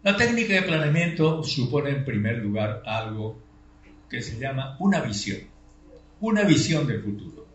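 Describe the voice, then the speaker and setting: An older man giving a classroom lecture, tired, slow and deliberate, posing rhetorical questions and pressing his points. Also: mid-range voice, big pitch swings. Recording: roomy, dull sound with faint hum.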